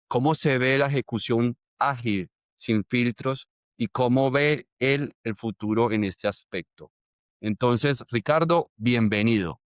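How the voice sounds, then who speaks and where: A man hosting a podcast reads an upbeat scripted intro, then moves into a casual interview, chatting in a friendly way and addressing the listener directly. His voice is mid-range and slow, with clean studio sound and no room sound.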